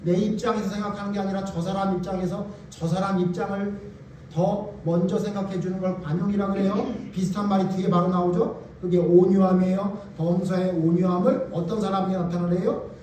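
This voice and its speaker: A male pastor delivers an emphatic sermon in a high voice, throwing question after question at his listeners. His voice rings through a very reverberant church hall. It is picked up from a distance, with a faint hum underneath. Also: steady tone, fairly quick, mellow. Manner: emphatic, fires rhetorical questions at the congregation. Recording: very echoey hall, voice from far off.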